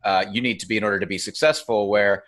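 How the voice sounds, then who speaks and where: A man's voice: fairly low pitch, steady tone, fast talker, fairly bright tone. A man born in New York and raised in Atlanta, chatting as a podcast guest, friendly, stammering and repeating words. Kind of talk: casual podcast chat.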